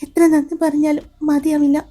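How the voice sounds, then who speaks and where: A woman voicing a gentle young wife in a storybook, speaking in a halting, emotional way. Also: sits high, soft background music. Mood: tearful.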